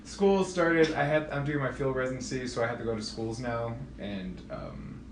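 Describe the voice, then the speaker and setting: A man's voice: medium pitch, lively intonation, moderate pace. A man co-hosting a podcast, venting about his week in a wry, tired way. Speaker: podcast co-host, student teacher. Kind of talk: casual chat. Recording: roomy echo, faint noise.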